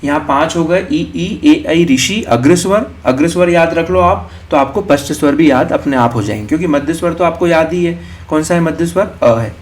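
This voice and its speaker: A young man with a slightly high voice patiently teaches an exam-prep lesson step by step, often checking in with "ठीक है" and "okay." He asks questions before answering them himself, and stretches vowels out slowly when demonstrating them.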